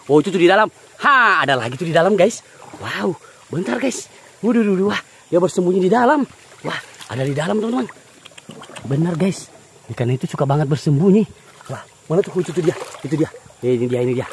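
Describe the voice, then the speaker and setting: Fishing vlogger, male, high and very animated delivery, faint outdoor noise behind. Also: fast talker. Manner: excitable, exclamations and cooing at fish. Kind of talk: excited vlog commentary. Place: outdoors by a river.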